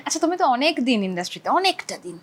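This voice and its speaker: A woman interviewer asking familiar, halting questions with many fillers. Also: sits high, very animated, a little hiss or hum. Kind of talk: casual interview.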